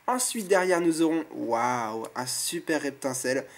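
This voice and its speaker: A man's voice: fairly high pitch, lively intonation, a little fast. Male host, casual unboxing chat, eager and talkative, commenting card by card. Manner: chatty and enthusiastic, admiring each card aloud. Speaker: YouTube channel host.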